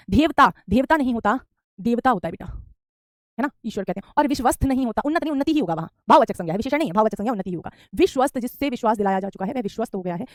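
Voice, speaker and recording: Brisk, high-voiced woman teaching spelling. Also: no echo, studio quality. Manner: brisk, repeats each correct word, addresses students as beta. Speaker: Hindi teacher. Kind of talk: online spelling lesson.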